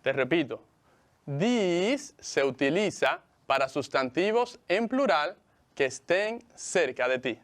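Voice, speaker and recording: A man teaching English in Spanish, speaking slowly and clearly with a Mexican Spanish accent and repeating each word for his students. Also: on the high side, big pitch swings. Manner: slow, carefully enunciated, repeats words for students. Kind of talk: bilingual televised English lesson.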